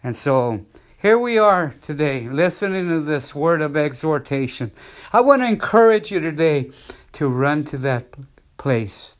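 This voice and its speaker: Slow, fervent evangelist man. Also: on the high side. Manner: fervent, repetitive preaching cadence. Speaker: missionary evangelist, podcast host. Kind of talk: podcast sermon, exhortation.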